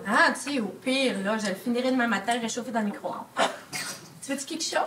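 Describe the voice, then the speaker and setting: A woman's voice: fairly high pitch, fast talker. A woman with a Québécois accent performing live improv, bewildered and laughing through her lines. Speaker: improv player. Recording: echoey venue, far mic, loud noise.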